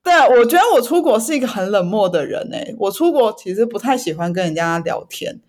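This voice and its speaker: A woman's voice: medium pitch, very animated, fairly quick, a little mellow. A woman from Taiwan with a Taiwanese Mandarin accent, hosting in a casual chatty way and dropping in the odd English word. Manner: drops English words into Mandarin. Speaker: podcast host. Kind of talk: casual chat.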